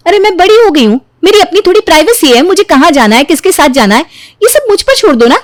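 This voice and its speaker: A woman's voice: high-pitched, expressive, a little fast, dry recording, studio quality. A woman voicing a touchy, defiant young woman who snaps and whines when she talks back. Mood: snappish. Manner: snappish, whiny, talks back.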